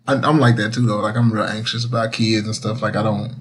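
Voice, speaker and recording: A man's voice: lowish voice, level tone, quick pace, a little hiss or hum. A man co-hosting a podcast in casual chat, easygoing, asking questions to move the talk along. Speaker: podcast co-host.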